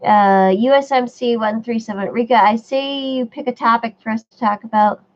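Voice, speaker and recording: A woman with a fairly high voice and moderate pace reads viewer comments out loud on a casual live stream, chatting in reply despite a stuffy nose. The audio is dull and lo-fi.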